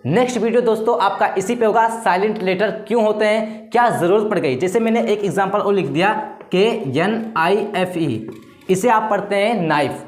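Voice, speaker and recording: A man teaching a grammar lesson who keeps posing rhetorical questions and answering them himself. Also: high-pitched. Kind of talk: explanatory classroom-style lesson. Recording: roomy echo.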